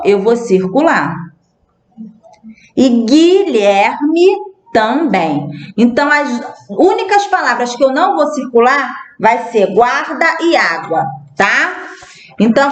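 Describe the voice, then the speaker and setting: A Brazilian woman teaching a primary school class, speaking slowly and patiently, spelling words out one at a time. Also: on the high side, sing-song. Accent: Brazilian Portuguese. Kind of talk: recorded remote class lesson. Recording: echoey room.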